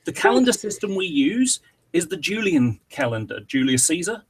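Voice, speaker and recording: A man's voice: on the high side, very animated, normal speed, breathy edge. A British man guesting on a podcast, chatting casually and rambling off on tangents. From Britain.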